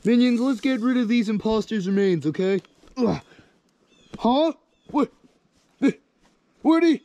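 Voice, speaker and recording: A man voicing a bossy, short-tempered pig king who yells insults in a pompous way. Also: high voice, moderate pace, no echo. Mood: irritated. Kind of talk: plush puppet comedy voice acting.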